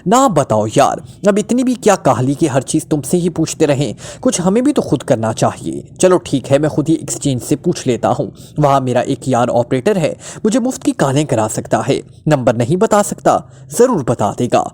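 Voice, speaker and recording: A man's voice: mid-range voice, very animated, normal speed, few pauses, a little mellow. A man voicing a flippant, unflappable male detective who teases and mocks in a breezy way. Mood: teasing. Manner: breezy, mocking, teasing.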